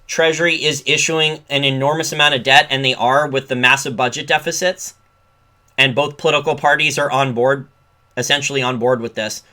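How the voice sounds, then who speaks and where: A man's voice: mid-range voice, fairly even intonation, brisk, pushed and bright. A man giving solo commentary, reading from a report and breaking off into sarcastic rants. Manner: sarcastic, ranting asides. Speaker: finance commentator.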